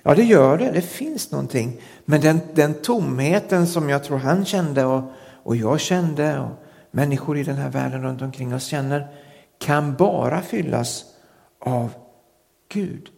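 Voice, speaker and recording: A man preaching a sermon in earnest, slowing down and leaning into key phrases. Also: on the high side, lively intonation, vocal fry, a little mellow. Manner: earnest, rising emphasis and slowed words on key phrases. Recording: long reverb of a hall.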